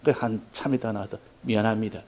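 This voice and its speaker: A Korean man preaching a sermon from the pulpit. His voice is dark and mellow at a middling pitch. He tells a story earnestly and now and then bursts into loud emphasis. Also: animated, normal speed, low-quality recording. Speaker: pastor.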